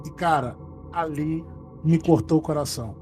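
A man's voice: a little high, normal speed, soft background music. A man with a Brazilian accent telling a spooky story to friends in a casual chat, acting out the quoted lines. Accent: Brazilian Portuguese. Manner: animated retelling, acts out quoted lines.

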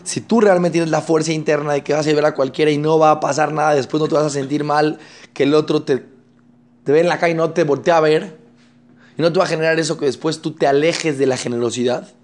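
A man giving a religious lesson on Torah ethics, talking in an animated way and acting out the people he quotes. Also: a little high, fairly quick, long pauses. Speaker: Torah teacher.

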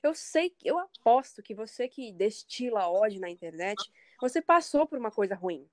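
A woman's voice: medium pitch, big pitch swings, moderate pace, no room sound. A woman from Brazil, a singer, speaking candidly and emphatically in a casual interview, acting out the comments of others.

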